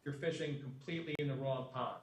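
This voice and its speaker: A man lectures a business class in a plain, direct way, leaning on folksy sayings and returning to them. His voice sits at an ordinary middle pitch. The lecture room echoes around him, and he is heard from some distance off the mic. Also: steady tone, fast, slight background noise. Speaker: guest lecturer.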